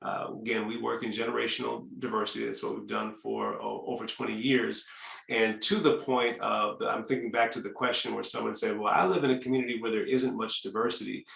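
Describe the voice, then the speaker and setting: A man's voice: on the low side, fairly even intonation, brisk, creaky, a bit bright, reverberant. A man hosting a webinar interview, chatty, reading out audience questions and restarting his sentences often. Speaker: host.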